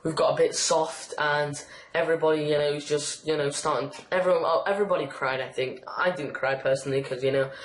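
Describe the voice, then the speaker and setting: A man's voice: a little high, steady tone, brisk, a little hiss or hum. A man giving a casual, rambling TV episode review on his channel, full of fillers and enthusiasm. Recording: roomy echo.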